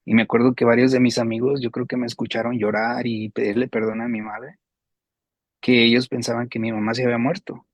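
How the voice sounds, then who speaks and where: A man tells his personal testimony in conversation, earnest and emotional, circling back to repeat his words. His pitch sits in a middle register and barely moves, a flat, even delivery. The recording is dry and close, with no room sound. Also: fairly quick, no room sound. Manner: earnest, repetitive, emotional retelling. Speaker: guest giving a faith testimony.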